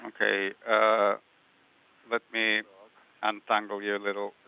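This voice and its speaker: A man giving calm, brief step-by-step instructions over a space-to-ground radio link. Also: fairly low pitch, unhurried, creaky, clean tone. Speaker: spacewalk crew radio communicator. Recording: tinny narrow-band radio transmission.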